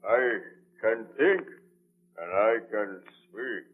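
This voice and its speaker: A man's voice: on the low side, animated, drawn-out words. A man playing an anguished, vengeful monster in a 1930s radio drama, speaking in a portentous, declamatory way. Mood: slow, menacing. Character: anguished, vengeful male monster, lonely man-made creature. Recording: tinny band-limited 1930s radio broadcast.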